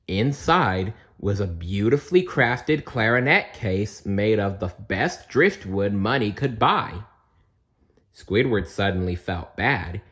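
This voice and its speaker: A male narrator reads aloud at an unhurried pace, his pitch animated and his storybook delivery expressive, with playful asides along the way.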